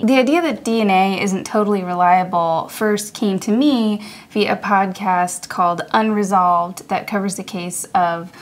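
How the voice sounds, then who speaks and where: A woman's voice: medium pitch, a little hiss or hum. A woman hosting a podcast, narrating a scripted essay in a casual, wry, conversational way with chatty asides. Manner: casual, wry, conversational, laughs at own jokes. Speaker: podcast host.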